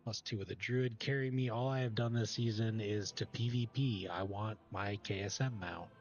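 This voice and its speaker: A man casually commenting on his own gameplay as a guide host, chatty and relaxed while he plays. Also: on the low side, normal speed, lo-fi sound, faint music behind.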